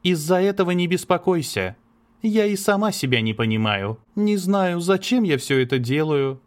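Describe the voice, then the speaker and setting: A man voicing a cold, tormented young woman, curt and sharp, in an audiobook. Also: high-pitched, sing-song, normal speed, pitched above the performer's own voice. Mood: cold, bitter. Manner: sharp, curt, breaking into sobs. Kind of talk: audiobook character reading.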